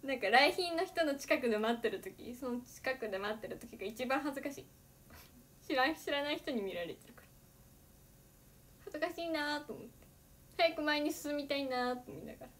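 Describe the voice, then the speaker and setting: A woman's voice: high-pitched, lively intonation, fairly quick, fairly bright tone. Giggly teenage girl chatting on a livestream. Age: teens. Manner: giggly, chatty, laughs often between sentences. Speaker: idol livestreamer. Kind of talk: casual livestream chat.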